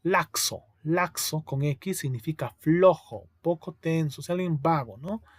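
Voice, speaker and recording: A man's voice: fairly high pitch, measured pace, dry recording. Man teaching, repeating words, checking. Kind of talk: spelling lesson.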